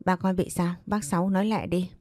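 A woman's voice: fairly low pitch, flat delivery, brisk, darkish tone, dry recording, faint music behind, close to an everyday voice. A woman voicing a grief-stricken young woman who cries out and pleads after losing her father. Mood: anxious.

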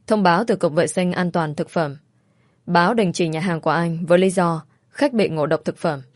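A woman narrating a family drama story in a steady, plain way. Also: lowish voice, moderate pace, dry recording, studio quality.

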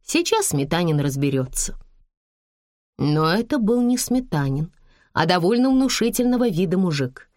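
Expressive woman audiobook reader. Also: lowish voice, moderate pace, no echo, clean studio sound. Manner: expressive storytelling. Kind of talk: audiobook narration.

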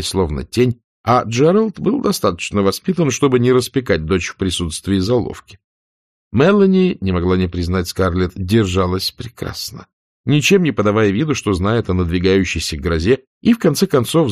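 Male audiobook narrator, low voice, lively intonation, dry close recording. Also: dry recording. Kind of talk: scripted novel narration.

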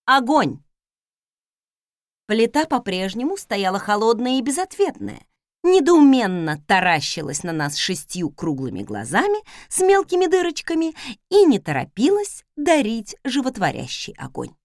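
A woman narrating a first-person fantasy audiobook in a lively, ironic storytelling manner. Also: fairly high pitch, moderate pace, no room sound, studio quality. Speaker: audiobook reader.

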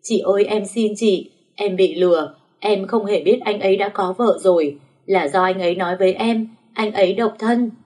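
A woman's voice: mid-range voice, moderate pace, a little mellow, natural voice. A woman voicing a young woman who cries and begs for mercy. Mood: pleading, tearful. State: crying. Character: young woman begging, weeping after a beating.

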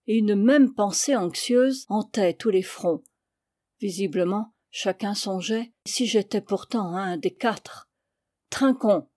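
A woman narrates a story in a measured, expressive reading voice. Her tone is dark and mellow. The recording is close and dry. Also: mid-range voice, dry recording. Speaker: reader. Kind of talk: audiobook narration.

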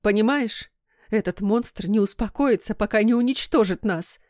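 A woman's voice: mid-range voice, moderate pace, a little mellow, dry recording, natural voice. A distraught middle-aged mother mutters and sobs her lines in a storybook reading, as a woman narrator puts her on. The sound is dry and close-miked. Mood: tearful. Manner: tearful, muttering.

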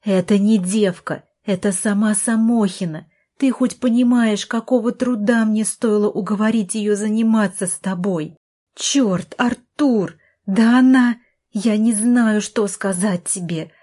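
A woman reading an audiobook, voicing a young woman who shouts and pleads with her brother. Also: mid-range voice, slow pace, slightly rough, pitched above the performer's own voice. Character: furious desperate young woman, doctor's sister.

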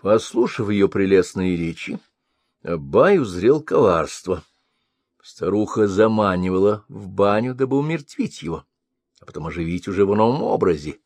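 Low, animated male storyteller. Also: no echo. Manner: measured storytelling cadence, expressive. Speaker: narrator. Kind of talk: audiobook narration of a folk-style tale.

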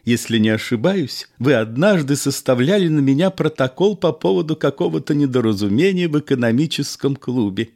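Here is a nostalgic former card sharp, played by a man reading a story aloud. The voice rides high and lively, exclaiming with delight at every memory. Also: brisk, hardly any pauses. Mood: gushing nostalgia. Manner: effusive, exclamatory.

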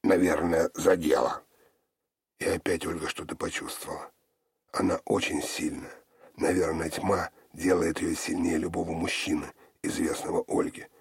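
A man narrating an audiobook in a low, even, gravelly delivery. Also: normal speed, no echo, clean studio sound.

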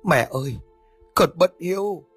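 A man's voice: mid-range voice, animated, moderate pace, a bit bright, slightly rough, soft background music. A male narrator voicing a grown son who weeps with remorse and thanks a master. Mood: remorseful. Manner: tearful, grateful.

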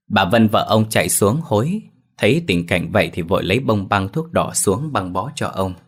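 A man narrating a ghost story in a steady, ominous tone. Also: low voice.

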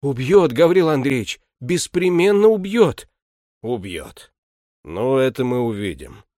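A man voicing a stern, weary male household butler who speaks curtly in a lowered voice. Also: big pitch swings, a little slow, a little mellow, dry recording, studio quality. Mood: gruff. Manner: gruff, curt, lowered voice. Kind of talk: audiobook character reading.

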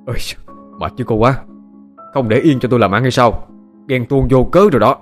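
A man's voice: fairly low pitch, fairly quick, soft background music, lightly acted. Narrator's curt, weary husband, brushing off his nagging wife. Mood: irritated. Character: irritable busy husband, dismissive.

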